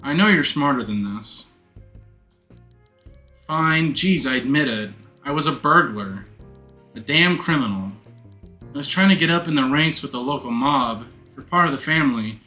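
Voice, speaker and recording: Man putting on a brash, bright-voiced lady crook. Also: medium pitch, expressive, normal speed. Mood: exasperated confession. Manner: wisecracking, streetwise slang. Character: brash, slangy woman thief posing as starlet. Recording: roomy echo, music behind.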